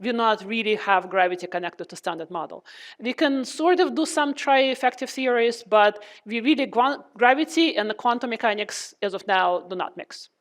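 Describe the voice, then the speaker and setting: Perempuan dosen, suara agak tinggi teredam masker. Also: female voice, a little high, normal speed. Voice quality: muffled, speaking through a face mask. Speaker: physics lecturer. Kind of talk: lecture with questions to the class. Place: lecture room.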